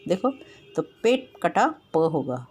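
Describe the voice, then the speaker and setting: A woman teacher giving a grammar lesson to children, slowly sounding out and repeating each syllable of every word. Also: lowish voice, very animated, a little mellow, husky.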